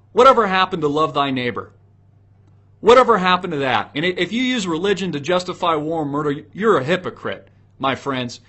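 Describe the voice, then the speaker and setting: Here a man with a strikingly high, somewhat bright voice hosts political commentary online by himself. Preachy and full of opinions, he drives his arguments home and confronts his audience with rhetorical questions.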